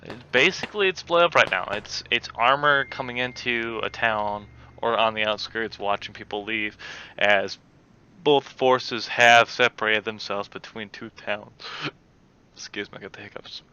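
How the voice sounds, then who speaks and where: A man hosting his gaming channel, giving play-by-play commentary on a match with sudden bursts of excitement. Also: fairly low pitch, a little slow, dull audio. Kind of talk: live gameplay commentary. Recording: game battle noise behind voice.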